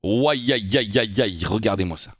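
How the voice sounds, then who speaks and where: Loud music plays behind this young man's fairly low voice as he reacts to football news on a live stream at a moderate pace. His chat is casual and animated, and he constantly addresses his viewers as "guys."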